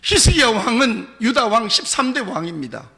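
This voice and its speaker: Animated preacher in a reverberant hall. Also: male voice, very high-pitched, moderate pace, gravelly. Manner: animated, leads congregation in call-and-response. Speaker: pastor. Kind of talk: sermon. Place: church sanctuary. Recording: long church hall reverb.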